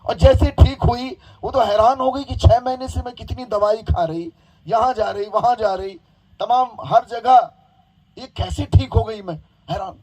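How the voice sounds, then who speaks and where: Hoarse high-voiced male preacher. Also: normal speed, rough recording. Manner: animated storytelling, coaxing the crowd. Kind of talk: sermon with call-and-response.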